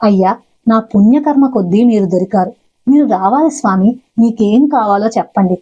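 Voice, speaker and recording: A woman's voice: medium pitch, normal speed, mellow, husky, highs cut off, close to an everyday voice. A woman voicing a reverent, pleading male devotee in a spoken devotional story. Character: pious male devotee, eager host.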